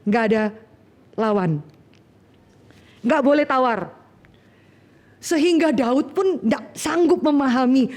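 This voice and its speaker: A woman preacher delivering a sermon at a church service, telling the stories with animated asides that act out the characters. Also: high-pitched. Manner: animated storytelling, acting out biblical characters in quick asides.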